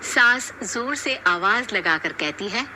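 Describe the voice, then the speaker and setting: A woman narrating a cartoon story in a steady storytelling way. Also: medium pitch, slow pace, slight background noise, low-quality recording.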